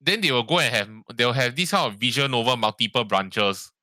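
A man's voice: medium pitch, animated, brisk, pushed and bright, no echo. A man in casual podcast chat, rambling and tagging sentences with "lah". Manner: rambling, frequent "lah" and "ah" tags, swears. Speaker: podcast co-host.

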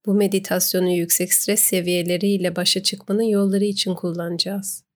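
A woman narrating a guided meditation in a calm, soothing way, giving gentle instructions. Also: on the low side, moderate pace.

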